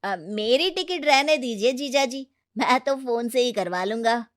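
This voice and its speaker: A woman's voice: on the high side, animated, unhurried. A woman voicing a cocky twenty-year-old young man hooked on his phone, breezy and dismissive. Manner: breezy and dismissive, whiny when upset.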